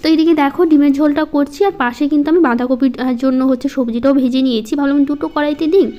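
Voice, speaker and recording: A woman narrating her home vlog in a slow, soft-spoken, halting way. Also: high-pitched, steady tone, highs cut off. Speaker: home vlogger. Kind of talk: casual voice-over vlog.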